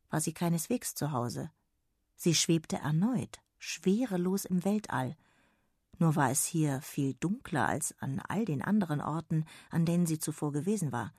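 A woman with a low, husky voice reads a children's bedtime story aloud, calm and gently expressive. The recording is close and dry, with no room sound at all. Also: dry recording.

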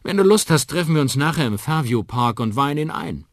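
A man voicing a shy, kindly middle-aged uncle in a children's radio story, speaking warmly and a little bashfully. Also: fairly high pitch, lively intonation, a little fast, no echo, clean studio sound, voice pushed up. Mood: friendly.

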